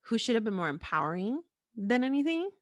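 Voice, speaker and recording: A woman with a slightly high, very animated voice hosts a podcast, talking a bit fast with no room sound. Her conversation is candid and unscripted, frank and informal, and she repeats phrases for emphasis.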